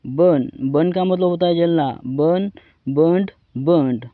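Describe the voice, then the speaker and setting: A man with an Indian accent teaches English vocabulary, slowly drilling verb forms and calling his viewers friends. His voice is a little high, and the phone-quality recording has no room sound.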